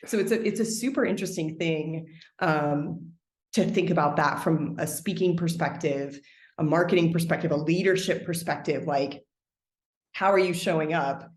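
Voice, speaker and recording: Heard in an echoey space at a moderate pace, this trained singer talks in a lower register than she sings. As a guest on a podcast interview, she gives long, reflective, wide-ranging answers full of "like."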